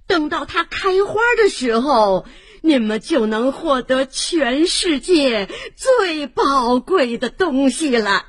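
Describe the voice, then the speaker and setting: A woman voicing a kindly old grandmother who speaks slowly and gently in a children's story. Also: high voice, animated. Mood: gentle. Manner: slow, gentle and soothing.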